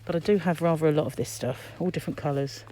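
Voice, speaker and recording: A fast-talking crochet vlogger, a middle-aged British woman with a deep, mellow voice, muses aloud through a face mask that muffles her. She's filming a casual, chatty shopping vlog in a shop aisle with a handheld phone from behind the camera. Background noise and shop ambience are present.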